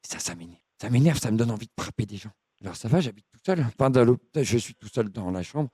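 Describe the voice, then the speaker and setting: A confused, lonely patient who stammers and loses every sentence, as a man puts him on during a prank call. His voice sinks low and soft, and he mumbles into long pauses. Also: lively intonation, husky, no room sound. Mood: muddled. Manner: stammering, halting, trailing off.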